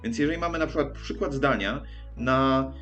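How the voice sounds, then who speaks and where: A man teaching an English pronunciation lesson, talking haltingly with frequent hesitations and self-corrections, and repeating sounds aloud to demonstrate them. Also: medium pitch, fairly bright tone, lo-fi sound, soft background music.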